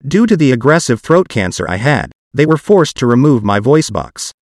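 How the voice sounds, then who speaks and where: A podcast host with a man's computer-generated voice, like an old speech synthesizer, delivers scripted narration in an evenly articulated, machine-like way. His mid-range voice has a sing-song lilt, a darkish tone and normal speed. The recording is dry and of studio quality.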